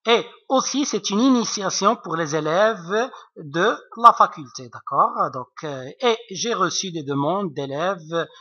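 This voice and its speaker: A male teacher explains poetry slowly, his bright, forward voice stopping on fillers and checking in with his students. The sound is dull and lo-fi, with little top end. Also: sits high, expressive, slightly rough. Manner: hesitant, many fillers, keeps checking understanding. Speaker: French literature teacher. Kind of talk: recorded online lesson. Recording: dull lo-fi recording.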